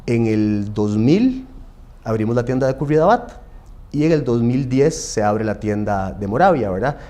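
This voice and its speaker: A man's voice: mid-range voice, animated, moderate pace, mellow. A man in his forties with a Costa Rican accent, telling his family business's history in a conversational interview, with frequent tag questions and fillers. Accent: Costa Rican Spanish. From Costa Rica. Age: 40s. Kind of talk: interview, storytelling.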